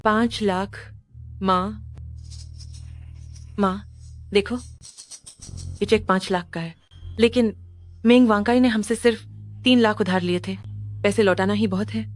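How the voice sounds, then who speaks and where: A woman's voice: mid-range voice, fairly even intonation, a little slow, long pauses, soft background music, close to an everyday voice. A woman voicing a spiteful, taunting relative. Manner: taunting, accusing. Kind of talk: Hindi dub of a drama.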